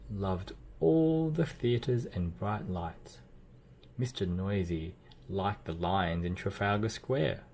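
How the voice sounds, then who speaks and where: A man with a low, husky voice reads a children's storybook aloud. He tells the story expressively, adding playful emphasis and sound effects.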